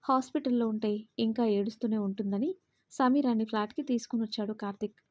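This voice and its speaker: A woman narrating a family drama story in a steady, expressive way. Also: on the high side, fairly quick.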